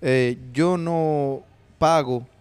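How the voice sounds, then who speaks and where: Playful Puerto Rican man, higher voice. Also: drawn-out words, darkish tone, clean tone, dry recording. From Puerto Rico. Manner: playful, laughs often, confessional. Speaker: podcast co-host. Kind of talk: casual chat.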